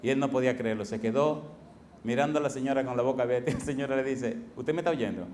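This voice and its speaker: A middle-aged man, preaching a sermon as pastor and building to loud rhetorical questions. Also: mid-range voice, steady tone, quick pace, slight background noise. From Dominican Republic.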